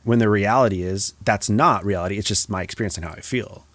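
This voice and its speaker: A man hosting a podcast, talking in a reflective, soft-spoken way with many casual fillers. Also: on the low side, quick pace, dry recording. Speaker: podcast host.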